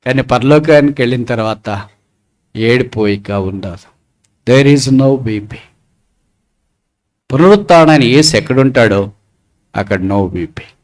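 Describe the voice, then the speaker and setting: A man with a Telugu accent preaches a sermon, posing questions to the crowd and alternating between loud, emphatic lines and hushed ones. His voice sits in the mid range, with lively intonation and a slow pace broken by frequent pauses.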